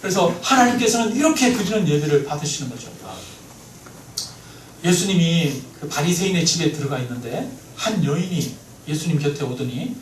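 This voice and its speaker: A male pastor preaching a sermon in a church, lively, often asking the congregation questions. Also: on the high side. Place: church sanctuary. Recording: roomy, mic at a distance, faint noise.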